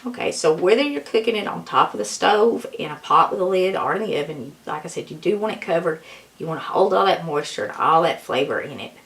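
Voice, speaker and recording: A woman gives a folksy, casual cooking tutorial in a hoarse voice that is giving out. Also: on the low side, animated, brisk, a bit bright, slight background noise. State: hoarse, losing her voice. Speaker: home cook presenting a recipe.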